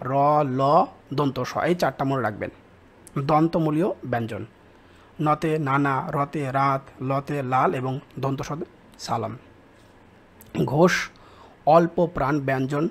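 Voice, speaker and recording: A man teaching an exam-prep lesson, explaining step by step and slowly repeating the key terms. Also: a little high. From Bangladesh.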